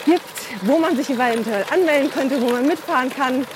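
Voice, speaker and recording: Brief: high-pitched female vlogger asking questions mid-ride, heavy outdoor noise. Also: a little fast. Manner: chatty, asks questions. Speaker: vlogger and host. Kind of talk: casual chat while cycling. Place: outdoors on a group bike ride. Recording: loud outdoor wind and traffic noise.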